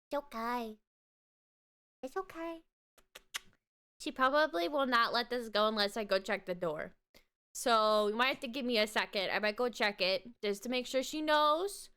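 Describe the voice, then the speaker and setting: A young woman streams live, chatting casually and turning now and then to her dog. Her voice sits high and bright. She lets her words unhurry, with a lively, swooping melody. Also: moderate pace, clean tone.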